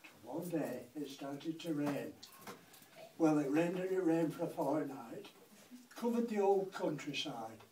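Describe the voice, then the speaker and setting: A man's voice: fairly high pitch, expressive, a little slow, dark tone. A man in his eighties with a Lancashire accent reciting a comic verse monologue in a rhythmic, dry delivery. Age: 80s. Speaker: grandfather reciting. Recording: echoey room, distant mic, faint noise.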